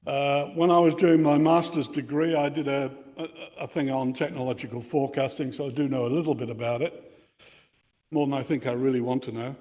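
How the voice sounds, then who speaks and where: In a reverberant meeting room, with equipment laid out on a bench, an amateur radio club speaker gives radio enthusiasts a technical lecture. He is an older man with an Australian accent, and his darkish, medium-pitched voice stays steady and moves a little fast.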